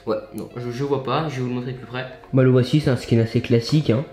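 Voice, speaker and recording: A man's voice: mid-range voice, steady tone, fast talker, warm tone, roomy sound, faint music behind. A young man with a French accent chatting casually while showing his toy collection in an upbeat vlog. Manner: chatty, upbeat, many fillers and asides.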